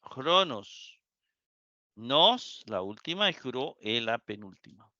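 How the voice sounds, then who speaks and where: Brief: male teacher, slow and lively in pitch, breaks words into syllables, dry dull recording. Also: no room sound. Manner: slow, syllable-by-syllable explanation with frequent "¿verdad?". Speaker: Greek teacher. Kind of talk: live online class.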